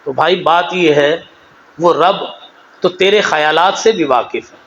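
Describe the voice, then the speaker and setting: A man with a Pakistani Urdu accent preaching a sermon, animated, moving between low storytelling and raised exhortation, and slowly drawing out Arabic phrases. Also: dull audio. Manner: slow, drawn-out recitation of Arabic phrases.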